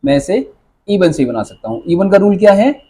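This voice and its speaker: A man's voice: sits high, big pitch swings, moderate pace, gravelly, mellow, husky. A man teaching an English grammar lesson, speaking mostly Hindi with an Indian accent and explaining step by step, asking the class questions and checking in with "right?".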